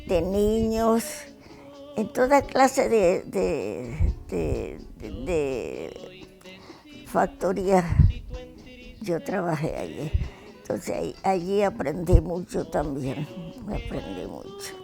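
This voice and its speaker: Woman over 110, slow reminiscing, halting repeats. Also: fairly low pitch, very animated, gravelly, mellow, soft background music. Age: 110s. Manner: halting, repeats words, laughs often. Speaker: interviewee. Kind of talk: reminiscing interview.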